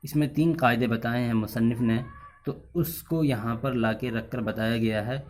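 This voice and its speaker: A man's voice: mid-range voice, fairly even intonation, darkish tone. A man from Bihar, India, teaching Quran reading, who patiently explains each rule step by step and has learners repeat after him. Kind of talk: teaching lesson.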